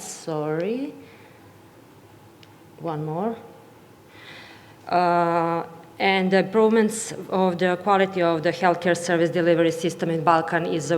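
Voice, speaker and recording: In an echoey conference hall with noticeable background noise, a nervous woman with a Serbian accent speaks to an audience as a patient advocate. Her voice is on the low side, and her presentation in non-native English is halting.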